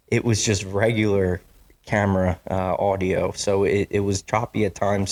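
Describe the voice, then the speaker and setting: Sitting low with a darkish tone, this male voice belongs to a podcast host working from a home basement studio on a studio mic. He talks casually on his own, saying sorry often, using lots of fillers, and repeatedly restarting what he's saying.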